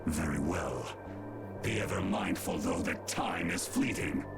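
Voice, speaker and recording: An actor playing a giant ancient bird spirit in a video game, grave, lordly and solemn, with archaic formal speech. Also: male voice, unhurried, heavily acted. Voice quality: deep, gravelly. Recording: game music behind the voice.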